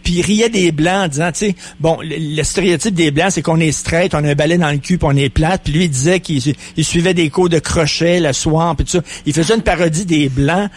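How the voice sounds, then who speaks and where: Quebec talk-radio host, provocative and pressing, voice a bit high. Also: male voice, fairly quick, hardly any pauses. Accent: Quebec French. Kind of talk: heated radio debate.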